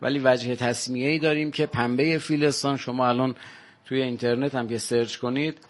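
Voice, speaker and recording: On a radio phone-in show, an older village guest with a Varamini Persian accent proudly lists facts about his home. His voice is mid-range, with a steady tone.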